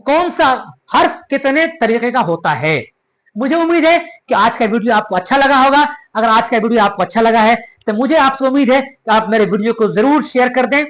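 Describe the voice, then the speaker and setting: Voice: medium pitch, fairly bright tone, rough recording. A patient teacher giving a grammar lesson, who repeats key terms, draws out example words and talks to viewers as students. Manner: addresses viewers as students, calls them child. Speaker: Urdu teacher. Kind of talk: classroom-style grammar lesson.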